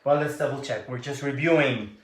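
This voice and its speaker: Casual math teacher in an echoey room. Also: male voice, medium pitch, a little fast. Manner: talks students through steps with questions and answers; casual, addresses viewers as guys. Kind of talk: recorded math lesson.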